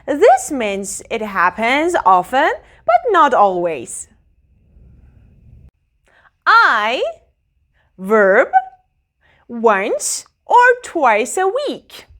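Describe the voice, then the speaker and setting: A woman teaching English phrases in a clear, emphatic, sing-song way. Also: a little high, huge pitch swings, drawn-out words, long pauses, a bit bright. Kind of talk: slow instructional explanation.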